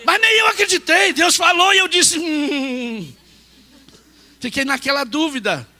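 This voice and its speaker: A middle-aged pastor from with a very high-pitched voice. He tells his story from the pulpit with emphasis, dropping to hushed asides and then shouting at the peaks. His tone is bright and forceful. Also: very animated, brisk. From southern Brazil. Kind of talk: storytelling sermon.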